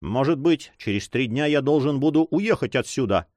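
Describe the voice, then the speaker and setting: A man's voice: mid-range voice, animated, moderate pace, darkish tone, dry recording, clean studio sound, close to an everyday voice. A man voicing a secretive young man in love in his own voice, earnest, reassuring and insistent.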